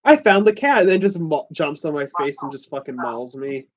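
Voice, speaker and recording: A man's voice: fairly high pitch, lively intonation, normal speed. A man hosting a casual livestream chat, rambling and joking, swearing often. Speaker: podcast host. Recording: dull lo-fi stream audio.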